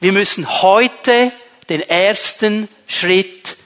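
A man's voice: high-pitched, extremely slow, fairly bright tone. A man preaching a sermon to a congregation, emphatic and repeating key phrases. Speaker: pastor. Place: church.

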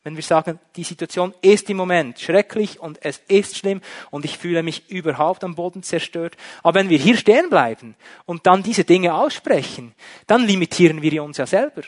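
A man preaching a sermon, emphatic, shifting between loud and soft. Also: high-pitched, animated, moderate pace. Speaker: pastor.

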